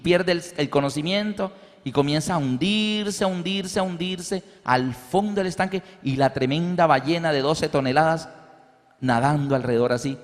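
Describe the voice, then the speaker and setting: A male preacher with a fairly high voice tells a story in his sermon and acts out the voices as he goes. His words ring through a large church hall with a long, lingering reverb. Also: a bit bright.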